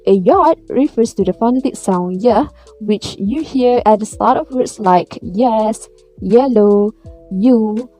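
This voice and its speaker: A woman's voice: a little high, slow, dark tone, soft background music. A woman student reading a prepared class presentation carefully from a script. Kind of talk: read-aloud class presentation.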